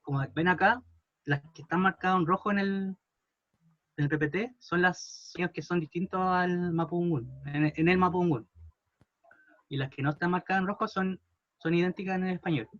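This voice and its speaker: A man teaching a language class, patiently modelling words slowly for students to repeat. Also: high-pitched, a bit bright, dry recording, lo-fi sound. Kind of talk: classroom pronunciation lesson.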